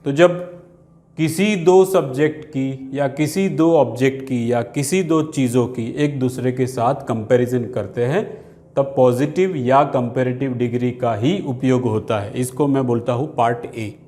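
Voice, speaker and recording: A man's voice: mid-range voice, unhurried, dark tone. A man teaching English grammar in Hindi, spelling out words letter by letter and saying English examples with an Indian accent. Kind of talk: grammar lesson.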